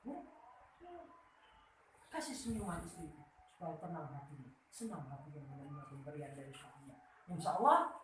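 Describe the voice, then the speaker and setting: A woman giving lively, teasing marriage advice at a wedding ceremony, checking in with the couple with a constant "ya?". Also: low voice, normal speed, long pauses. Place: marriage hall. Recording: very echoey hall, far from the mic, faint noise.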